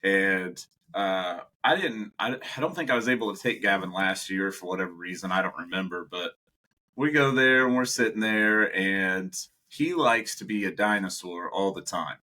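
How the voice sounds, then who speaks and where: A young man co-hosting a podcast, telling animated stories in casual chat, laughing often and acting out what people said. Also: sits low, moderate pace. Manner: animated storyteller, laughs often, acts out quotes. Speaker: podcast co-host.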